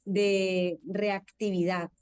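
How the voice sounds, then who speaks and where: A woman's voice: medium pitch, flat delivery, drawn-out words, darkish tone, smooth, dry recording. A woman, a parenting guest explaining thoughtfully and listing examples. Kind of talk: interview answers.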